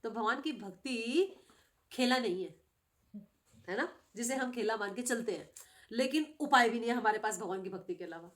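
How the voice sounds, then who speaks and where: A middle-aged woman teaching a devotional scripture class, animated and quizzing her students with frequent tag questions. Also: on the high side, normal speed. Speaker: spiritual teacher.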